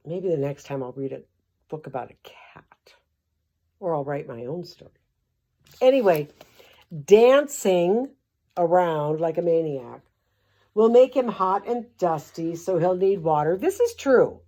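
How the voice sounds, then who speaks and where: Sarcastic older woman, lowish voice. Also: animated, measured pace, warm tone, highs cut off. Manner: sarcastic, rambling asides with mild swearing. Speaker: host reading a children's book aloud. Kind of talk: comic storybook commentary.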